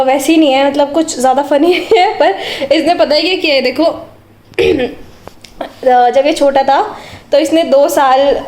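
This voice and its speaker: A woman's voice: high voice, a little mellow. A young woman chatting casually in a home vlog, telling childhood stories and often breaking into giggles. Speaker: vlogger. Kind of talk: casual vlog chat and storytelling. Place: home, kitchen. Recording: echoey room with faint background noise.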